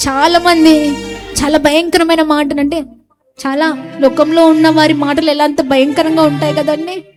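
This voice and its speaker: A woman shares her testimony in a church setting, her voice sitting very high. She speaks earnestly and circles back over the same phrases for emphasis. Worship music plays clearly beneath her words. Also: level tone, moderate pace. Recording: clear background music under the voice.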